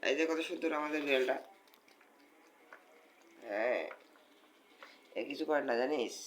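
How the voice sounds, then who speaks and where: A man's voice: medium pitch, a little slow, a little hiss or hum. A man, filming at home at night and coaxing cats with repeated sing-song calls. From Bangladesh. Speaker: vlogger feeding cats. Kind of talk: casual home video. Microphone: phone camera.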